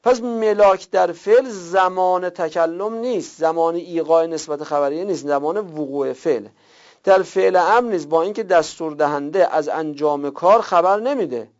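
A male teacher explains grammar patiently, pausing to check understanding with rhetorical questions. His voice sits a little high and has a gravelly edge. The recording is dull and lo-fi. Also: a little mellow. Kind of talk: classroom grammar lecture.

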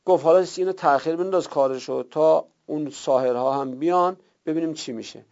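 A man teaching a class step by step, drawing out key terms slowly and checking his students' notes, heard on a dull lo-fi recording. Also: a little high, creaky, darkish tone. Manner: slow drawn-out repetition of terms. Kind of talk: classroom lesson on Arabic word roots.

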